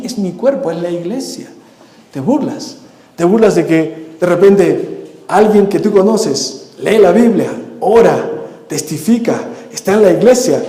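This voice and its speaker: A pastor preaches and tells the story with lively, acted-out scenes. His voice sits high but has a soft, mellow tone. The sound carries the long reverb of a large church hall. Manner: animated storytelling, acts out the scenes. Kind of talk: sermon. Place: church sanctuary.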